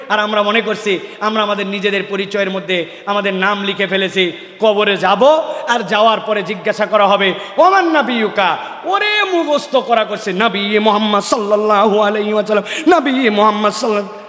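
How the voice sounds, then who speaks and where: A man preaching a sermon to a gathering, impassioned and at times shouting. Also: high-pitched. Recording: echoey hall, long reverb.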